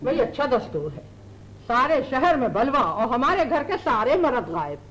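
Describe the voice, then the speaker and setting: Sly teasing auntie, high lively voice jumping all over, faint old-tape hiss. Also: female voice, rough recording. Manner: playful and teasing, quick to laugh. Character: teasing older aunt who cheats at games. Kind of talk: 1980s TV drama acting. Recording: old TV drama audio, light noise.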